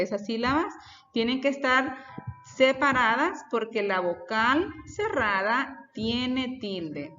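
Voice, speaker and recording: A woman's voice: on the high side, a bit bright. A woman teacher giving a lesson, explaining step by step and putting questions to her students. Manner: deliberate, explains step by step and asks the class questions. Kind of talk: recorded class lesson. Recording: reverberant, dull lo-fi sound with faint music.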